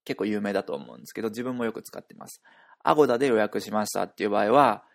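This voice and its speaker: A man with a fairly low, gravelly voice hosts his own solo podcast lesson. He talks in a relaxed, chatty way and repeats each phrase slowly so listeners can follow along, recorded close to the mic. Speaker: podcast host teaching travel Thai. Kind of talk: casual solo language lesson.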